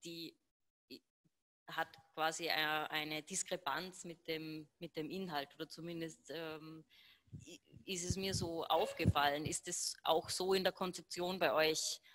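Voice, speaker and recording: A woman moderating a panel talk, halting with many fillers and restarts. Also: deep voice, fairly even intonation, a bit bright.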